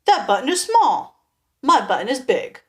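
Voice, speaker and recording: Storybook read-aloud: woman playing a fussy little male toad, high and loud, indignant. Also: very animated, normal speed.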